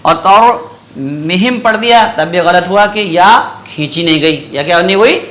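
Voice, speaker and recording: A man teaching Quran recitation to a class. He keeps quizzing the students, repeats their answers back, and slowly stretches out syllables when he demonstrates. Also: sits high, fairly bright tone. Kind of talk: classroom lesson with call-and-response.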